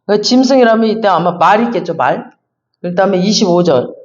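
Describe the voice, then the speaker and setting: Male pastor, high voice, chatty emphatic Bible teaching, echoey muffled church recording. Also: expressive, fast talker. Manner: conversational, emphatic, reads verses then explains. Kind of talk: expository Bible sermon. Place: church sanctuary. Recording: echoey, dull church sound.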